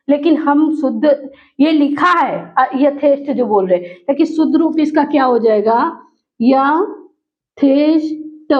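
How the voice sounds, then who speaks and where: A woman teacher with a high voice walks her students through spelling and pronunciation. She says each word again and again, slowly and deliberately. The recording sounds dull and lo-fi. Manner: repeats words slowly to drill pronunciation. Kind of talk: spoken grammar lesson.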